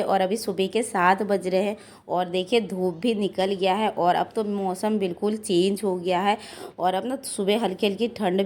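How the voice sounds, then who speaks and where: A woman in her thirties with a hoarse voice from a sore throat, narrating a casual cooking and daily-life vlog from her home kitchen in a chatty, rambling way. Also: mid-range voice, a little mellow. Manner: chatty, rambling, frequent filler "ना". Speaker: vlogger and mother.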